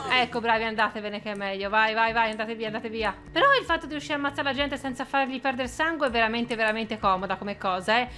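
A woman with a high, bright voice chats through her gameplay in a loose, casual way. She talks straight to the characters on screen, teasing them with mock sweetness. Every so often she jumps up into squealing, exaggerated protest. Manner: mock-sweet taunting with sudden squealing outbursts. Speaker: gaming video creator.

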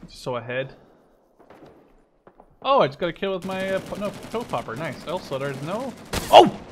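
The shooter's loud gunfire and artillery sit behind a young man's rambling, casual commentary, with the occasional curse when he's killed. He speaks at normal speed in a high voice with big pitch swings.

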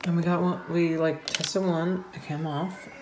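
A man in his twenties chatting casually and excitably to camera as he bakes, giggly and gushing. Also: a little high, a little slow. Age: 20s. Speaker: host of a home baking vlog. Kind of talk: casual chat to camera while baking. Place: home kitchen. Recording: echoey kitchen, clicks and background noise.

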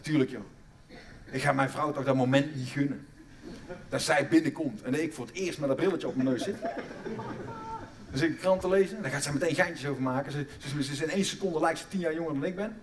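A middle-aged man doing a stand-up comedy routine on a theatre stage, stammering through restarts and breaking into loud bursts of mock outrage. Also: fairly high pitch, big pitch swings, fairly quick, far from the mic, a little hiss or hum.

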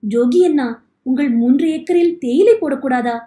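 A woman's voice: high-pitched, moderate pace, dark tone, natural voice. Woman voicing a practical, argumentative village woman. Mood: persuasive. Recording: echoey room.

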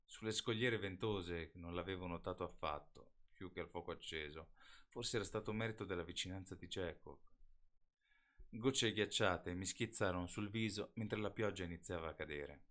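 A man reading an audiobook aloud live in a steady, measured way. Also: sits low. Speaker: audiobook reader.

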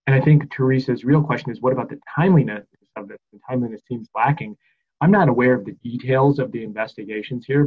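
A man speaking as a panelist on a video call from a small room, hesitant and often repeating words. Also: medium pitch. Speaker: health tech expert panelist. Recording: dull lo-fi audio.

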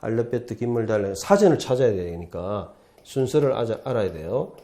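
Guy teaching a class, mellow warm voice, chatty and repeats himself a lot, at a board in a studio. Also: on the low side, big pitch swings, brisk. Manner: chatty, repetitive, often starts with "자" and "예". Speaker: Hebrew professor teaching the alphabet. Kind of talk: casual classroom lecture.

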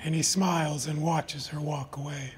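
A man reading his short stories aloud at a live event, in an even, deliberate storytelling manner. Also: a little high, slight background noise. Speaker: author. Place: live reading before an audience.

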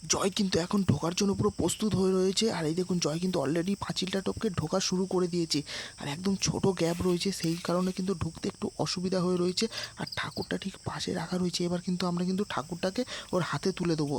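A man vlogging outdoors at night on a dark street, talking quietly into a handheld phone camera as he sneaks along. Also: high voice, slight background noise. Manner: speaking quietly in a hushed voice while sneaking near a house. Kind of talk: casual vlog narration.

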